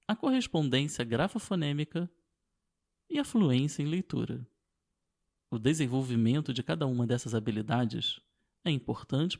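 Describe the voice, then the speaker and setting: A man narrating a scripted lesson as a teacher, in a steady, measured reading. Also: mid-range voice, vocal fry.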